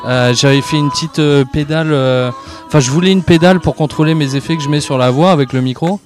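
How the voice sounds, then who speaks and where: A man's voice: a little high, fast, soft background music. Hesitant young man in a radio interview. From southern France. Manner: hesitant, many fillers, easygoing laughs. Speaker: guest musician. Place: outdoor festival park.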